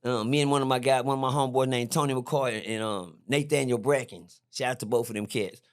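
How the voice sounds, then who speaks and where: A middle-aged man, a podcast guest, telling a story in a lively, slangy way, repeating himself and jumping high when excited. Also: quick pace. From Texas. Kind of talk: animated storytelling. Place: podcast studio.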